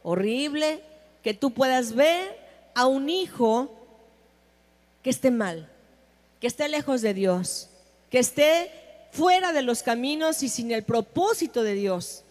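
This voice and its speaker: A woman preaches a sermon in a high voice, taking her time over each phrase. She stresses her points and turns to the listeners with questions. A long reverb trails after her words. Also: expressive, takes it slowly, long pauses, a little mellow. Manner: emphatic, asks the audience questions.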